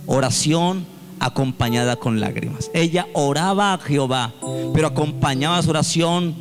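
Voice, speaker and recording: A male pastor delivers a fervent church sermon in a fairly high voice. He reads scripture and lifts into sung pleading at the peaks. Music plays clearly underneath. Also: moderate pace. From Colombia. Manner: impassioned preaching, reading scripture aloud and rising into sung pleas.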